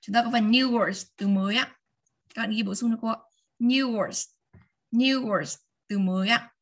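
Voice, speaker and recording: A woman's voice: medium pitch, steady tone. Woman teaching English on a video call. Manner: models words slowly and repeats them; keeps checking in with students. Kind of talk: online class teaching vocabulary.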